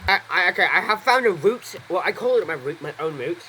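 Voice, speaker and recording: A young man casually commenting on his gameplay, rambling and excitable, swearing often. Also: high voice, fairly quick, a little hiss or hum, low-quality recording. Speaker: gaming YouTuber. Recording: voice over loud game music.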